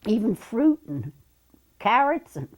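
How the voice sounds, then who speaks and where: A woman's voice: a little high, sing-song, takes it slowly. An older woman from Philadelphia, describing childhood routines in an interview in careful, matter-of-fact detail. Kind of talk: reminiscing interview.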